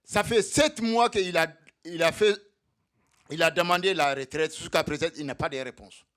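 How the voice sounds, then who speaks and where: Here a man with a voice on the high side and a slightly bright quality speaks at a moderate pace. He gives a militant speech in a meeting hall at a solidarity evening, championing undocumented migrants and repeating his points to rally his comrades.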